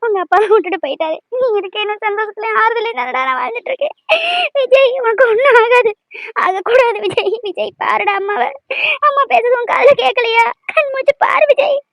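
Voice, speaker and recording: A woman's voice: very high-pitched, animated, very fast, hardly any pauses, no room sound. A woman voicing a grief-stricken mother who cries and pleads at her injured son's bedside in a cartoon. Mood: sobbing. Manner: sobbing, pleading, then soothing. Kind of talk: cartoon voice acting.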